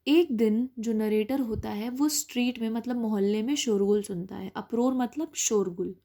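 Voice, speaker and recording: Patient woman teacher, mellow voice. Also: fairly high pitch. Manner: reads English text slowly, then explains it patiently. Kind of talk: explaining an English lesson in Hindi.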